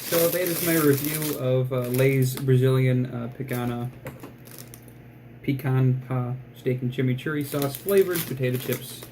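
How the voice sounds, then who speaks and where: A man giving a casual food review in a low-key, rambling, dryly joking way. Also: a little slow, noisy background. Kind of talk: casual product review vlog.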